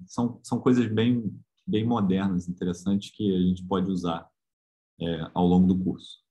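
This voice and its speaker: A man with a Brazilian Portuguese accent teaching physics in an informal online class. His voice sits a little low. He keeps things conversational, hesitating often and checking in with tag questions. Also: darkish tone. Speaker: physics lecturer.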